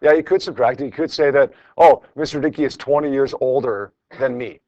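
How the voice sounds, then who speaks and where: Speaking fairly quickly in a medium-pitched, slightly mellow voice, a middle-aged physics teacher works through problems with his high school students in the classroom. He is informal and encouraging, repeating phrases for emphasis. There is no room sound, and the highs are cut off.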